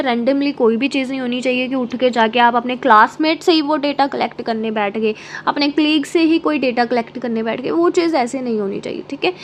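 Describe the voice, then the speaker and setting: A woman's voice: sits high, slight background noise. A woman lecturer explaining an exam prep lesson step by step, mixing English terms into her Hindi and checking in often. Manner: explains step by step with frequent "ठीक है" check-ins.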